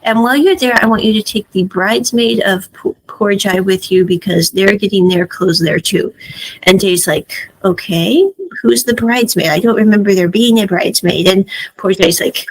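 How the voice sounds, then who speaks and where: A woman reviewing a series gives a chatty, casual recap and commentary on a drama, laughing often and acting out the characters' lines. Her voice is medium-pitched, her pace moderate, and the audio quality poor.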